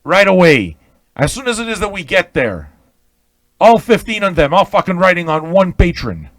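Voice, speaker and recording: A brash, higher-pitched man from Montreal, Quebec, whose first language is Italian, rants off the cuff as an online pirate radio host. He's profane and combative, emphatic, repeating phrases and checking in with "okay?". His delivery is sing-song and a bit bright at a moderate pace, with no echo.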